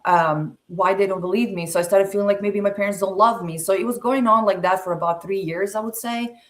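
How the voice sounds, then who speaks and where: A woman in her forties from Serbia, a podcast guest telling her life story in a measured, reflective way with frequent pauses. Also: medium pitch, steady tone. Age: 40s. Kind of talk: personal storytelling interview.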